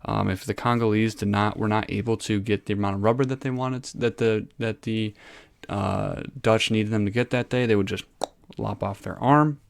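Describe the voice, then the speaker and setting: Gravelly low-voiced man reviewing history. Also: steady tone, moderate pace, dry recording. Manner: rambling, easily sidetracked, self-mocking. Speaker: history teacher. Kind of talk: casual exam review lesson. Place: his room at home. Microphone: desk microphone.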